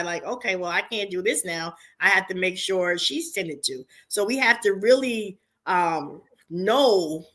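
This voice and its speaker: A middle-aged woman speech therapist, a podcast guest, giving earnest, measured advice in casual conversation. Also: medium pitch, bright, forceful tone.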